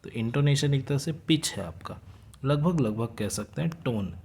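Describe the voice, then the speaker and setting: A young man teaching from study notes in a casual lecture style, explaining at a conversational pace and slowing down to read English lines. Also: mid-range voice, expressive, darkish tone, slightly rough.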